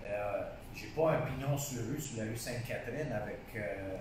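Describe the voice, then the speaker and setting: A man's voice: mid-range voice, normal speed. A man with a Québécois French accent speaking casually and enthusiastically in an interview, often repeating himself and restarting his sentences. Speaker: painter being interviewed. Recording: distant echoey room sound with faint noise.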